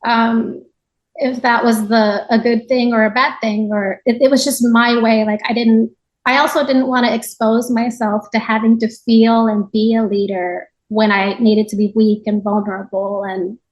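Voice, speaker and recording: Heard through poor audio, a Japanese yoga teacher guesting on a podcast talks conversationally and reflectively about her own experiences, often slipping in little asides. She speaks at a moderate pace with a fairly high, level voice.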